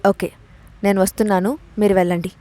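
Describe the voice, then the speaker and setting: A woman's voice: medium pitch, flat delivery, fairly quick, dark tone, no room sound, lightly acted. A woman reading the part of a bold young woman boss in an audio story, with a mocking, commanding way of talking. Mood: calm.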